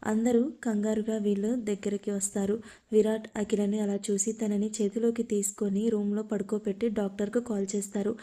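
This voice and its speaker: A woman narrating a love story, reading in a steady, flat way. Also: medium pitch, normal speed.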